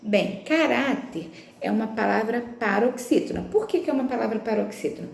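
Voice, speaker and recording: A woman's voice: a little high, animated, brisk, creaky, reverberant. Woman teaching, patient and step by step. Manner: patient, explains step by step, checks in often with "tá bom?" and "né?". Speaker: Portuguese language teacher. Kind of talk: recorded remote lesson walking through textbook exercises.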